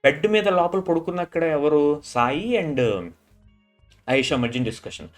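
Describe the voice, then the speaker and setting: A man with a somewhat high voice recaps a reality show episode in a casual, rambling way. He lowers his voice to quote the contestants and leans on filler tags and restarts. Soft music plays faintly behind him. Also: expressive, a little slow. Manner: retells scenes, dropping his voice for quoted lines.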